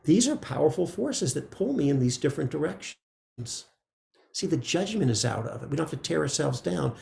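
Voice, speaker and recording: A man teaching meditation in a relaxed, conversational dharma talk, often checking in with "right?". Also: a little high, a little fast, gravelly, roomy sound. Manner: gentle, conversational, frequent "right?" asides.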